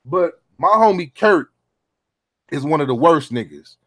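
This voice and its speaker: A man's voice: a little high, expressive, unhurried, a bit bright. Laid-back slangy man hosting a chat. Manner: laid-back, profane, slangy street talk. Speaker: podcast host. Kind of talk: casual round table chat.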